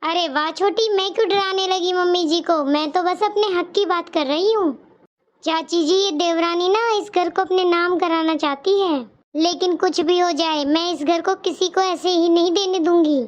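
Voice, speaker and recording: A woman's voice: very high-pitched, steady tone, moderate pace, dull audio. A woman voicing a firm, outspoken young daughter-in-law in a cartoon story who insists on her rights. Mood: indignant. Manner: insistent, indignant.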